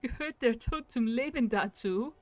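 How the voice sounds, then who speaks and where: A woman's voice: a little high, moderate pace, no echo. Giggly woman playing a game. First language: German. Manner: giggly, chatty. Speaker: let's play host. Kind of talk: gaming let's play, reading dialogue aloud.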